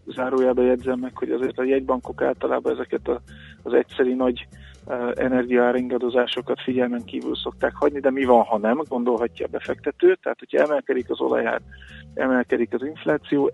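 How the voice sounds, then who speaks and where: A man's voice: medium pitch, little pitch movement, gravelly, a little mellow, slightly rough. A man giving market commentary on the radio in a hesitant, explanatory way, with many filler sounds. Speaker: financial analyst guest. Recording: phone-like radio line with faint music.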